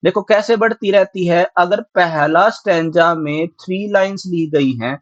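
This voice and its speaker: A man's voice: high-pitched, a little slow, no echo. A man with a Haryanvi accent teaching an exam-prep lecture, asking students questions and answering them himself, with English terms mixed in. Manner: mixes English terms into Hindi. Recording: dry, slightly dull sound.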